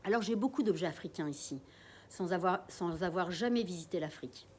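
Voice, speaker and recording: A woman's voice: fairly low pitch, brisk, darkish tone, slight background noise, close to an everyday voice. A woman voicing an old male neighbor who wheezes and tells stories in a wistful, rambling way. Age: older. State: wheezing, short of breath.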